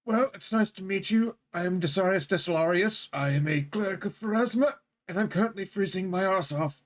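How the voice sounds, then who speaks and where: A man's voice: high voice, a little fast. A man playing a tabletop game, speaking in character in a wordy, politely wry way. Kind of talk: casual in-character game chat.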